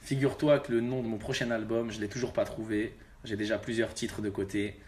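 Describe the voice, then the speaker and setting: Laid-back young rapper, low voice. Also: male voice, level tone, a little fast, a little mellow. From Algeria. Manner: laid-back, street slang, addresses viewers directly. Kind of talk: casual talk to fans.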